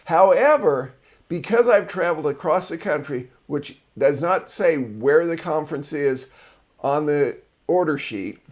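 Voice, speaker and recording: A man's voice: a little high, expressive, unhurried. Chatty man hosting a marketing show. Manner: chatty and digressive, tells personal stories. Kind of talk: casual solo talk reviewing articles.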